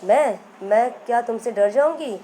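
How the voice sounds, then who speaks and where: A woman voicing a small, bold, boastful female fly who taunts in a high, mocking way while telling a storybook tale. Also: unhurried, mellow, a little hiss or hum, close to an everyday voice, rough recording. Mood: defiant.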